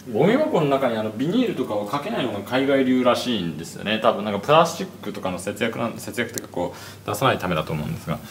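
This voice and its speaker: A man gives a casual, quick tour of a big hotel suite, filling his talk with asides and fillers. His voice sits fairly low but swings widely in pitch. The room sounds echoey, with a faint hiss underneath. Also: sing-song. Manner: chatty, rambling asides with many fillers. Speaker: travel vlogger. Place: large hotel suite, indoors. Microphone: handheld 360 camera.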